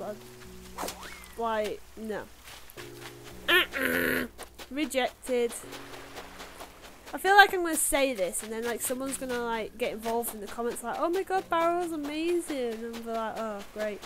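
A woman's voice: fairly high pitch, unhurried, long pauses, noisy background. A young woman with a Yorkshire accent chatting casually over her gameplay, rambling with lots of fillers. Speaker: gaming YouTuber. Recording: music playing behind the voice.

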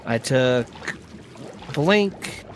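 A man playing along as a guest, narrating his finds with excitement in casual chat. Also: mid-range voice, drawn-out words, a little hiss or hum. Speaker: guest player. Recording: faint music behind.

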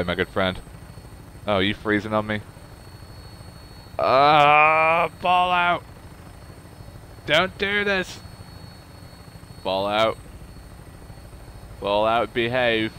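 A man's voice: on the low side, fairly bright tone, slight background noise, poor audio. A man giving casual, chatty commentary while playing a game, full of self-deprecating asides. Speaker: let's play host.

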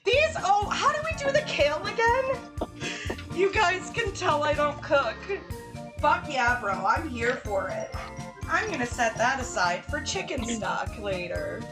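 The high-pitched woman's voice swings widely while keeping a measured pace as she livestreams herself cooking at home with a friend. In her thirties, she chats casually, swears, and laughs at her own chaos, captured by a camera fixed across the kitchen amid roomy sound and music.

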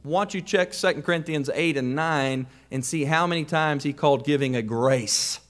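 Male preacher, high tenor register, emphatic sermon delivery. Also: moderate pace, a bit bright. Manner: emphatic, rising to raised questions.

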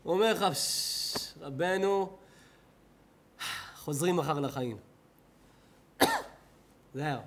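A rabbi with an Israeli Hebrew accent delivers a sermon in a synagogue hall. His voice swings from loud outbursts to low murmurs, broken by long pauses.

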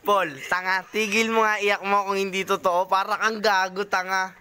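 A woman's voice: medium pitch, flat delivery, moderate pace, sharp tone, slight background noise. Teasing, badgering young woman vlogger. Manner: teasing, swearing, badgering with repeated questions. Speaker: vlogger pranking friends. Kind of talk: casual group vlog banter.

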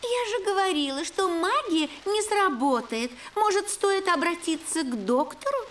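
A woman voicing a patient, practical fairy queen in a cartoon dub, brisk and matter-of-fact. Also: very high-pitched, animated, a bit bright, exaggerated voice.

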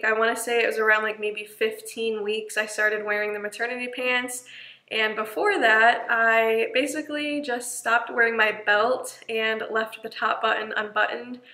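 A woman's voice: on the high side, sharp tone. A young woman casually explaining things to her viewers, a little out of breath and laughing lightly now and then. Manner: chatty, friendly, laughs lightly. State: slightly out of breath. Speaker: vlogger, active duty airman. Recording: echoey room.

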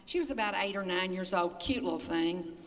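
A woman's voice: fairly low pitch, brisk. An older woman telling chatty, folksy stories as an interview guest, laughing as she goes. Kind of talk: anecdotal storytelling. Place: community building hall. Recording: echoey hall, from far off.

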